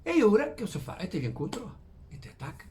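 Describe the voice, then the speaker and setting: A man with a Venetian accent from Veneto, speaking in dialect, rambling through homespun philosophy in a halting way, repeating words and putting questions to his listeners. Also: high voice, huge pitch swings, a little mellow. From Veneto, Italy. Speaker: vlogger. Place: outdoors among flowers in early morning.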